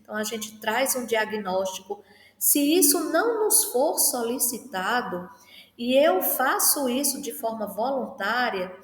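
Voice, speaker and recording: A woman giving a classroom lecture, explaining step by step and often ending phrases with a questioning tag. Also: fairly high pitch. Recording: echoey hall with long reverb.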